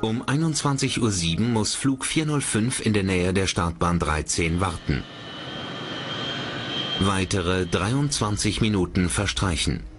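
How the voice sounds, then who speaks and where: A man narrating a documentary in a measured, dramatic way. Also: low-pitched, background noise.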